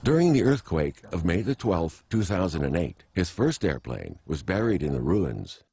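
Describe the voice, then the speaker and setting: A man reading scripted documentary narration in a measured, even way. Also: deep voice, gravelly, husky. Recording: faint music behind.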